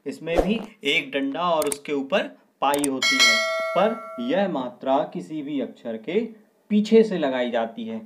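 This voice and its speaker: Male teacher for a children's reading lesson, slightly higher voice, unhurried. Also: expressive, very noisy. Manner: slow, clearly sounds out each syllable, then raises pitch and volume for the answer.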